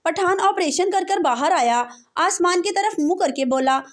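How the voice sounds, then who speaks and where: A woman's voice: very high voice, expressive, moderate pace. A woman reading out a string of short jokes, with a laugh track between punchlines. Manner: punchlines followed by canned laughter. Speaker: joke teller.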